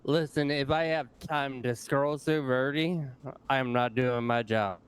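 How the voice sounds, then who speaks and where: A man in a casual roleplay, speaking in a steady, plain-spoken way. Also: medium pitch, a little slow, clear, resonant tone, dry recording. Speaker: roleplay player as an officer.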